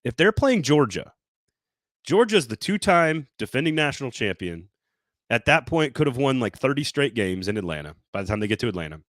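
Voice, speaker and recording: A man hosting a casual sports talk debate, animated and quick to restart his sentences. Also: medium pitch, dry recording, studio quality.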